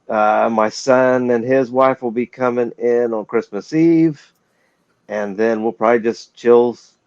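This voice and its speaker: A man's voice: on the low side, a little mellow, no room sound. Laid-back middle-aged man, dull lo-fi sound. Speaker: podcast co-host. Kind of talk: casual chat.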